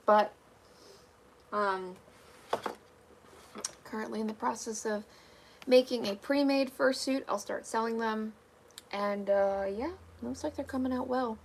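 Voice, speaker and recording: A woman's voice: fairly high pitch, creaky, slight background noise. Tired young woman chatting on a livestream. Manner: chatty, answers viewer comments. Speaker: livestreamer making fursuits. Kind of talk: casual livestream chat.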